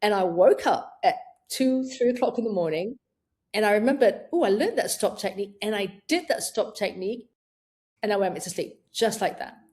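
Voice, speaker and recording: A woman's voice: mid-range voice, normal speed. A middle-aged woman coach answering interview questions, talking animatedly and acting out the voices in her head. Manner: animated, acts out inner voices. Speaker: menopause coach.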